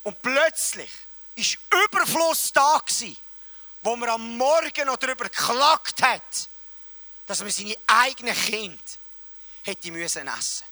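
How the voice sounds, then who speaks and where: A male preacher, retelling a story dramatically, swinging between loud and hushed. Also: very high-pitched, animated, measured pace. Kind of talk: sermon storytelling.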